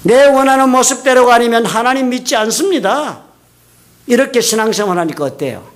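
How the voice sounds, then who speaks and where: A middle-aged male pastor preaching a sermon, telling a personal story and acting out the people in it. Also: fairly quick. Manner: lively preaching, acting out quoted shouting with rising pitch.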